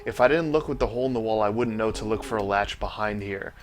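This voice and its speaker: A man's voice: fairly low pitch, quick pace, slight background noise. A man hosting a let's play, giving casual commentary on a game. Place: voice-over on game footage.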